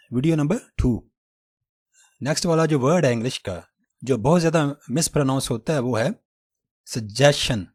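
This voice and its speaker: A man with a Pakistani Urdu accent teaches English pronunciation at a medium pitch, drawing each word out slowly and carefully. The voice is dry and close, with no room sound around it. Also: darkish tone, breathy edge, no room sound. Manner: slow, careful demonstration of words. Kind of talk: scripted pronunciation lesson.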